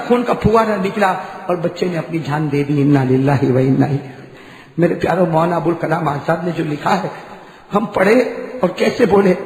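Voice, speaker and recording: A male preacher tells a story in a heated sermon, and his voice sits high. He swings from ringing shouts down to low, hushed narration. A long reverb trails every phrase of the big hall. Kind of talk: impassioned Urdu sermon storytelling.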